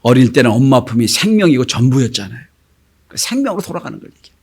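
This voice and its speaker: A man's voice: medium pitch, quick pace, vocal fry, slightly rough. A middle-aged man preaching a sermon as pastor, telling stories and acting out the voices of the people in them, sometimes dropping to a whisper. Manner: animated storytelling, acting out quoted voices; drops to a whisper for emphasis.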